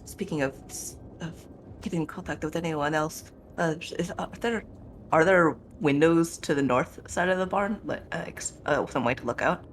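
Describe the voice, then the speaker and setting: A player improvising tabletop role-play narration in a halting, rambling, self-correcting way. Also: medium pitch, slight background noise.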